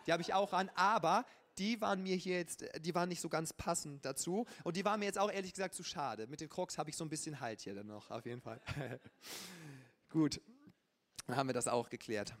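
Sex: male. Role: preacher. Style: casual, lively sermon to a congregation. Pitch: high for a man. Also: fairly quick. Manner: colloquial and conversational, with frequent filler ja. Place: church service.

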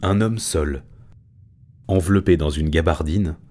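A man narrates a storybook in a very deep voice. His reading is steady and measured, and he lets each sentence land. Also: slight background noise. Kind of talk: audiobook narration.

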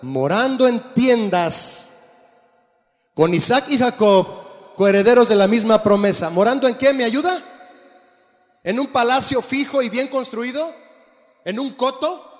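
Here the pastor's sermon moves at a measured pace with frequent pauses, still animated and pitched high for a man. He keeps questioning the congregation, and his words ring with the long reverb of the church hall.

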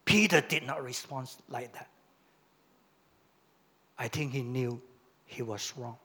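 A male pastor preaching a sermon, swinging from loud emphatic lines to quiet, low asides. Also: slow, husky.

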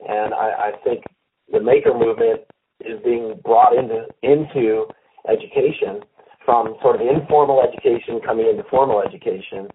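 A man giving a phone interview as a company executive, speaking haltingly with many fillers and restarts. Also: mid-range voice, a little hiss or hum. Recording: tinny phone line.

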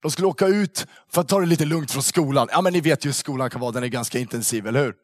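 A young man telling a story to young people in a casual, animated way, full of slang and fillers. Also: mid-range voice, no room sound, studio quality. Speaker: youth speaker.

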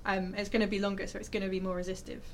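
Woman explaining science stuff, lots of ums, nerdy and enthusiastic, mid pitch. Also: level tone, rapid-fire, a little hiss or hum. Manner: chatty and enthusiastic, full of fillers and self-corrections. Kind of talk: informal science explanation to an audience.

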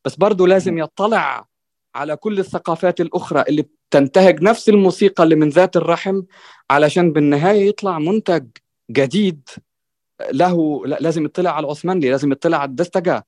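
A man's voice: a little high, fast talker, darkish tone, dry recording. A man with an Egyptian accent in a panel discussion, talking earnestly with many restarts and fillers and often checking in with "right?". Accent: Egyptian Arabic. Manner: earnest and exhorting. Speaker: guest musician on a panel. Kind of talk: conversational discussion.

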